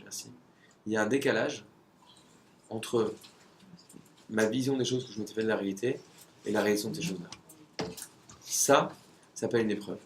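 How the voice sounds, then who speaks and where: A man's voice: lowish voice, slight background noise. A man giving a conversational religious lesson, asking rhetorical questions and sometimes searching for words.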